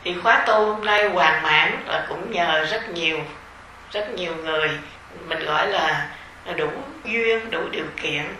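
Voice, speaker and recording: Slow, bright-voiced Southern Vietnamese woman teacher. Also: lowish voice, roomy sound, a little hiss or hum, poor audio. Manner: gentle, unhurried, conversational with soft fillers. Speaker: meditation teacher leading a retreat. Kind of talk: informal dharma talk to retreat participants.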